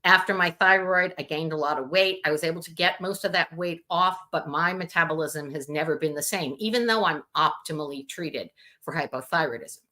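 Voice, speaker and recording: A woman's voice: low-pitched, a little fast, sharp tone. A middle-aged woman answering viewer questions in a live Q&A, explaining things step by step with frequent ums and uhs.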